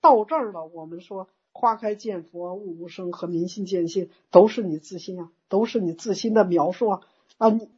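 A woman's voice: medium pitch, slightly rough, lo-fi sound. Woman giving an exclamatory Dharma talk. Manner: animated, exclamatory, acts out inner thoughts. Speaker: Buddhist teacher.

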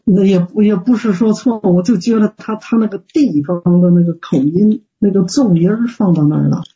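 A man's voice: high-pitched, moderate pace, mellow, slightly rough. A man teaching Buddhist practice in an online Q&A, plain-spoken and folksy, full of fillers and rhetorical questions. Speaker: Buddhist teacher answering students. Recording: dull lo-fi call audio.

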